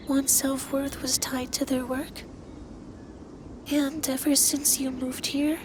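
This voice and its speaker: A man performs an intimate scripted ASMR monologue addressed to the listener, playing a centuries-old, androgynous male dragon who is a stern yet caring lover. He speaks in an extremely high pitch, formally and earnestly with deliberate phrasing. Clear background noise with ambience can be heard.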